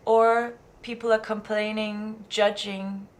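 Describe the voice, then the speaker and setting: A woman's voice: medium pitch, little pitch movement, slow. A woman filmmaker explaining her work in a reflective documentary interview.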